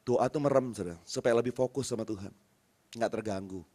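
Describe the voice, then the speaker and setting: A male pastor preaching with a storyteller's timing and humor. He keeps addressing the congregation directly and acts out little exchanges. His voice drops to soft asides, then climbs to loud, emphatic peaks. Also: mid-range voice, a little fast. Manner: lively storytelling, often calls out to the congregation. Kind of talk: sermon.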